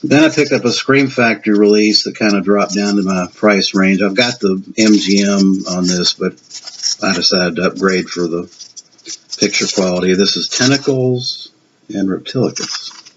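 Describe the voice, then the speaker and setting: A man's voice: deep voice, normal speed. Older Southern man, chatty collector. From Virginia, USA. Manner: chatty, rambling, self-deprecating. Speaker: collector showing his film pickups. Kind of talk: casual show-and-tell vlog. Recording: dull lo-fi sound with faint hiss.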